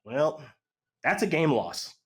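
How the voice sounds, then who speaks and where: Podcast guest, male, slightly high voice, animated storyteller who acts out quotes. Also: slow pace. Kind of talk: casual storytelling chat.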